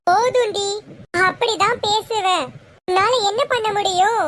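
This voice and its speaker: Serial villain: a woman playing a contemptuous mother-in-law, very high-pitched. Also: a little slow, crowd noise. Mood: scolding. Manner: scolding, contemptuous. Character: scornful domineering middle-aged mother-in-law. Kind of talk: amateur serial voice acting.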